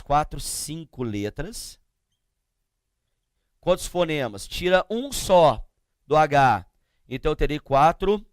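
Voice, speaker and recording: A middle-aged Brazilian man with a Brazilian Portuguese accent teaches a class grammar, slow and emphatic, posing questions and answering them himself while spelling out letters and sounds. His voice is a little high and smooth, in a dry, studio-quality recording.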